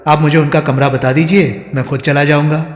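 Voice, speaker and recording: A man reading the part of a bold, steady-voiced reporter in an audiobook. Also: a little high, fairly quick, lightly acted. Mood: confident. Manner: steady, confident. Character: bold, smooth-talking male reporter. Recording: roomy echo, long reverb.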